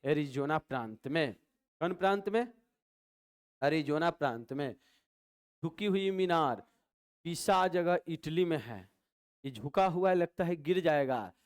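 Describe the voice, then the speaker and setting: A man with a Bihari Hindi accent lectures a coaching class, asking each question and answering it himself. His voice is smooth and clear, pitched a little high for a man. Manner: repetitive call-and-response drilling. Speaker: teacher.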